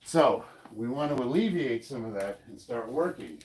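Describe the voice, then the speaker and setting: A short-of-breath, stuffed-up American coach in his fifties loosely rambles while leading a powerlifting session for a casual training vlog, often trailing off mid-sentence. He speaks at normal speed in an expressive, mid-range, slightly rough voice.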